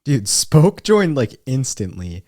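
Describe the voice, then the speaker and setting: A man's voice: mid-range voice, sing-song, takes it slowly, mellow, no echo, clean studio sound. A young man hosting a podcast, laid-back and slangy, who laughs often. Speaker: podcast host. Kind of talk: casual podcast chat.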